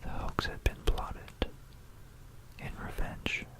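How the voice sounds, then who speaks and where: In an unhurried, unvoiced whisper, an ASMR host tells history close to a stereo binaural microphone, pausing now and then and softly repeating phrases.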